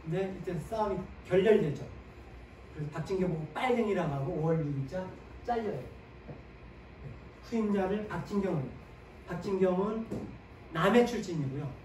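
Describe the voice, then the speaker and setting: Male history lecturer, high voice, question-and-answer teaching manner, distant mic in a reverberant classroom. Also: animated, normal speed, pauses often, darkish tone. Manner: asks the class questions and answers them himself; sprinkles short "네" affirmations while explaining. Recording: echoey room, mic at a distance, faint ambient noise.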